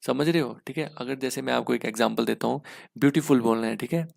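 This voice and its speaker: Guy doing exam grammar prep, kinda gravelly voice, dry close mic, keeps checking ok? ok?. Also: mid-range voice, quick pace, darkish tone, dry recording. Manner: explains step by step, keeps asking "ठीक है?". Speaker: English grammar teacher.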